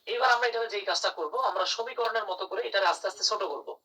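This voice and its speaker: A man's voice: high-pitched, fast talker, pushed and bright, husky, recorded from a distance, poor audio. A man teaching English grammar in a live online class, calling on students by name and praising their answers.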